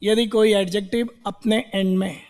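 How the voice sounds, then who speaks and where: A man's voice: sits high, level tone, normal speed, a little mellow, in a large hall. A male teacher giving a classroom grammar lesson. He repeats words in drills and asks and answers his own questions. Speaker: English teacher.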